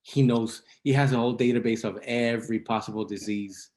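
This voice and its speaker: A man co-hosting a casual podcast who asks questions and gives short, calm replies. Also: mid-range voice, brisk. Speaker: podcast co-host.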